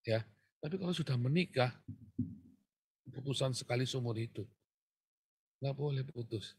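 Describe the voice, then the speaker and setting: Male pastor, husky, dry close sound, chatty sermon storyteller with sudden loud stresses. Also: mid-range voice, moderate pace, no echo. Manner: conversational storytelling, swings from quiet to loud emphasis.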